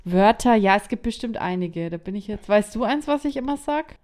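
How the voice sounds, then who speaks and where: A woman's voice: medium pitch, lively intonation, fairly quick, a little mellow. Musing woman chatting casually. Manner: musing, searching for words, laughs. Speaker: podcast co-host. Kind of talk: casual chat.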